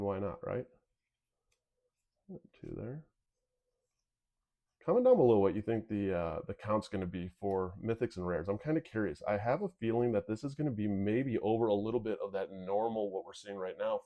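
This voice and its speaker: A man with a low voice chats casually as he opens card packs for viewers. His nose is sniffly and whistles as he talks. He rambles along candidly. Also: lively intonation, normal speed, warm tone. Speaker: video host. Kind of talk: casual card pack opening commentary.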